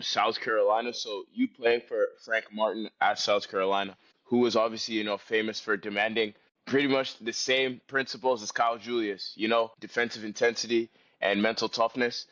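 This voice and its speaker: A man's voice: fairly low pitch, steady tone, brisk, a bit bright, dry recording. A man co-hosting a podcast, laid-back, asking a long question in a casual way. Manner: laid-back, repeats "solid". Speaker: podcast co-host. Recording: dull dry lo-fi remote sound.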